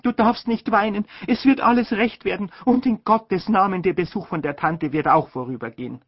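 A man's voice: high voice, normal speed, no echo, pitched above the performer's own voice. A man voicing a worried, pious middle-aged mother with a soothing, fretful manner, in a dull lo-fi audiobook recording.

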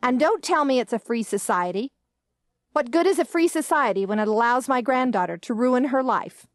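A woman's voice: fairly high pitch, lively intonation, moderate pace, no echo, studio quality, natural voice. A woman voicing a domineering older mother who scolds and makes demands in a storybook reading. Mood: accusing. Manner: scolding, imperious.

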